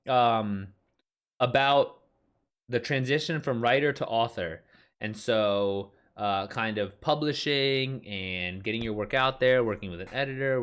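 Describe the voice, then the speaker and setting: A man in his thirties, an author who streams, talks casually into a streaming mic in a medium-pitched, slightly bright voice. He rambles and chats, restarting sentences, using lots of fillers, and responding to viewers in the chat.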